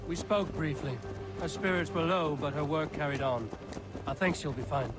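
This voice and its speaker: An actor playing a calm, commanding, battle-ready Viking war leader in a video game. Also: male voice, fairly high pitch, moderate pace, natural voice. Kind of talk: dramatic video game acting. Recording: loud game music over the voice.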